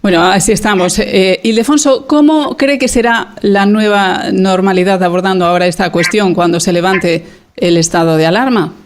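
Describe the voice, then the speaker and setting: A man with a notably high voice conducts an interview, putting polite, formal questions to his guest. He pauses on fillers and restarts as he frames each question.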